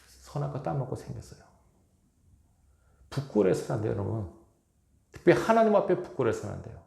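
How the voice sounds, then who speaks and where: A man's voice: mid-range voice, very animated, a little fast, creaky, mellow. A male pastor preaching a sermon with emphasis, asking his congregation rhetorical questions, recorded in an echoey church hall. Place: church sanctuary.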